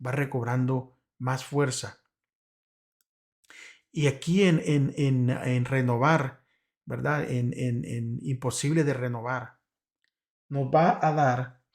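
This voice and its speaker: A man reviewing a Sabbath school Bible lesson, explaining with frequent rhetorical "right?" checks and hesitant restarts. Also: mid-range voice. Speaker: Bible study teacher.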